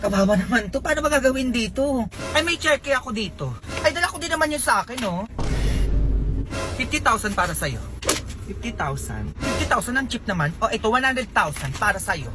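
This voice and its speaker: A man performing a comedy skit in a campy, sassy, playful voice, switching between characters. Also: very high voice. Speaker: comedy skit creator playing every part.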